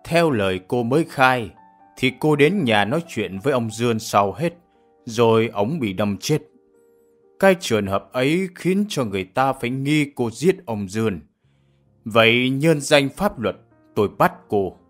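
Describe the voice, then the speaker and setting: A man playing a stern colonial-era prosecutor who questions a suspect slowly and deliberately. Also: medium pitch, animated, faint music behind, close to an everyday voice. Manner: slow, deliberate, accusing.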